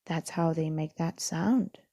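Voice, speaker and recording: Knowing owl for a storybook , female reader: friendly, calm, explanatory, creaky and unhurried. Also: deep voice, no room sound, clean studio sound, voice pushed down, full character voice. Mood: matter-of-fact. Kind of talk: storybook read-aloud.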